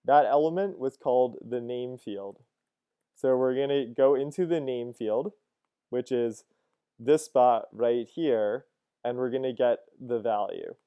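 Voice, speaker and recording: Mellow-voiced man teaching code. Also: medium pitch, measured pace, clear, resonant tone, highs cut off. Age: 30s. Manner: casual, thinks aloud with frequent "uh" and "cool, cool". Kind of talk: screen-recorded coding lesson.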